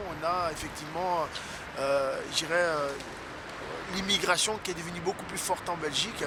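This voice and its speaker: A man from West Africa speaking earnestly in a documentary interview, his voice a bit higher than usual for a man. He pauses often on fillers. Clear traffic noise hums behind him. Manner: earnest, hesitant with many fillers.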